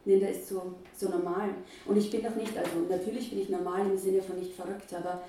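A woman reading first-person scripted narration as a lively, nervous inner monologue. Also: medium pitch, fairly quick. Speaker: audiobook narrator. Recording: roomy, distant, faint hiss.

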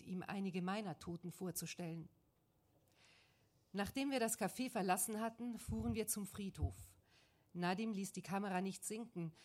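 A woman narrating a first-person memoir audiobook in a measured, reflective way. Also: mid-range voice.

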